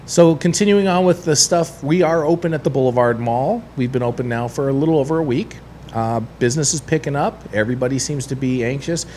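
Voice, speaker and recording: A man's voice: mid-range voice, brisk, a little mellow, a little hiss or hum. A man who runs a sports collectibles store, talking on a radio show in a studio, chatty and rambling with lots of fillers. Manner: chatty, rambling, heavy on fillers like "you know" and "uh". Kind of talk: casual radio chat.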